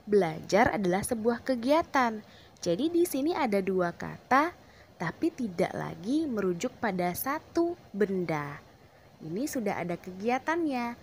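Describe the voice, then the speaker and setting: A woman teacher explaining a lesson in a deliberate way, stressing key words with rising emphasis. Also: mid-range voice, slight background noise.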